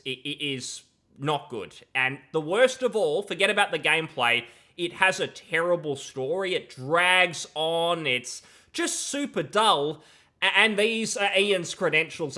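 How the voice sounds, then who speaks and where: A young adult man with a fairly high, pushed, bright voice offers casual, opinionated reaction commentary in a sardonic, dismissive tone. He's in a small plain room, wearing a headset and speaking into a close boom-arm mic.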